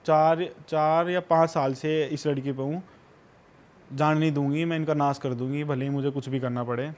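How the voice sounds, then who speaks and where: A man voicing the vengeful ghost of an old woman, threatening in a low voice while telling a story. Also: fairly even intonation, moderate pace, a little mellow, natural voice. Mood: furious.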